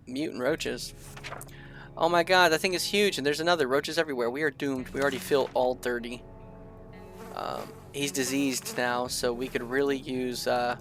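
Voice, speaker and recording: A man's voice: mid-range voice, gravelly, fairly bright tone. A man casually commenting on a survival game as he plays, thinking aloud with frequent ums and reading the game's text aloud. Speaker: gaming video creator.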